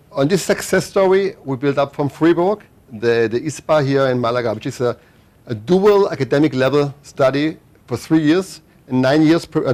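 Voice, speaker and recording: Middle-aged German-accented man, rapid run-on talker with restarts, gravelly texture. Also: medium pitch, darkish tone. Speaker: interview guest. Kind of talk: casual interview.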